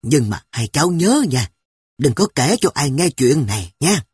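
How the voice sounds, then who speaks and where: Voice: mid-range voice, very animated, moderate pace, darkish tone, husky, no echo, studio quality. A storyteller voicing a devout grandmother who scolds and reassures her grandchildren. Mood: reassuring. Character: kindly grandmother, devout and stern. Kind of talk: audiobook character voice.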